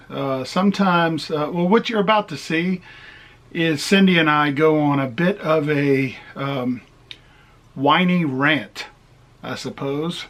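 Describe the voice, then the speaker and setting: Guy vlogging his rv trip, kinda high voice, chatting frank and reflective to camera. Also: slight background noise. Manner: candid, reflective, soft-spoken asides. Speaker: RV travel vlogger. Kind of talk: casual vlog talk to camera.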